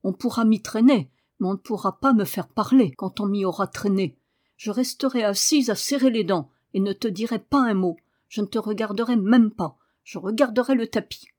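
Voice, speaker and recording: A woman's voice: fairly high pitch, animated, unhurried. Woman voicing a fierce, stubborn little girl. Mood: angry defiant. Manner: loud, cutting retorts. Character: stubborn, fierce, sharp-tongued young girl.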